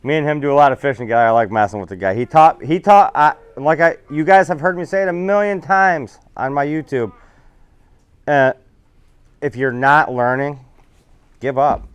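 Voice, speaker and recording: A man's voice: a little high, moderate pace, clear, resonant tone, dry recording. A man giving a casual, rambling, folksy seminar talk about fishing to an audience. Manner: rambling, folksy, self-correcting.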